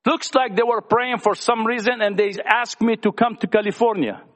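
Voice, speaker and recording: A man's voice: high-pitched, steady tone, moderate pace, a bit bright. A man sharing his personal testimony at a church gathering, talkative and earnest as he speaks to young people. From Lebanon. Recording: echoey hall.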